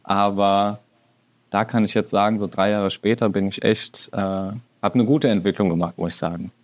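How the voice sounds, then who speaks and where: A man in his twenties co-hosting a podcast, talking in a relaxed, colloquial way. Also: on the low side, normal speed. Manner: relaxed, colloquial, often says "Junge". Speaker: podcast co-host. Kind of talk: casual podcast chat.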